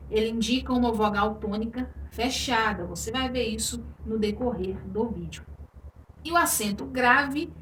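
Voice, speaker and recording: Female grammar teacher, patient and explanatory; roomy recording with faint hiss. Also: fairly high pitch. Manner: explanatory, checks in with frequent "tá?" and "ok?". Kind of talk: online grammar lesson. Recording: echoey room, voice a bit far from mic, faint noise.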